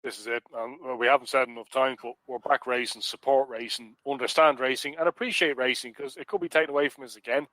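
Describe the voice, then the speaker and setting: A man's voice: medium pitch, fairly even intonation, fast, few pauses, a bit bright, dry recording, poor audio. An Irish man hosting a casual podcast panel, jokey and chatty, plugging merch with frequent restarts. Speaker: podcast host.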